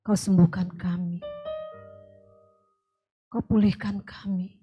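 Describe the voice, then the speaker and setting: Woman leading prayer, low voice, slow and fervent, piano behind, muffled sound. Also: level tone. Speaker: prayer leader. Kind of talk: spoken prayer. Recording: dull muffled recording. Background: piano music.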